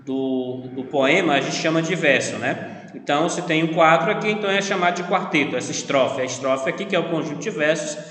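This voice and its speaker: Brazilian man, literature teacher on an online class, bright higher voice, patient explaining, echoey room with long reverb. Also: brisk. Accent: Brazilian Portuguese. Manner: explains patiently, often checks with "né?".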